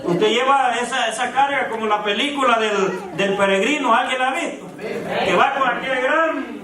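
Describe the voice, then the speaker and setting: A man's voice: very high-pitched, normal speed, a crowd in the background. A man preaching an evangelical sermon, often calling the congregation brothers and asking rhetorical questions, recorded in a church from a distance. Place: church sanctuary. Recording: echoey church, mic far off.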